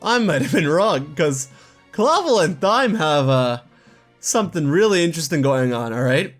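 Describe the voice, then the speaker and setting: A man chatting casually in his own commentary video, quick asides and laughing at his own jokes. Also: a little high, lively intonation, soft background music. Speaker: YouTube gaming commentator.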